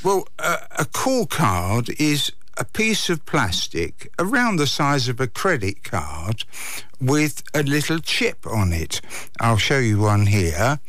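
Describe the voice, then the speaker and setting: A man's voice: medium pitch, very animated, slow, fairly bright tone, no echo. A man with an English accent, middle-aged or older, explaining and recounting conversationally as an interview guest. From England.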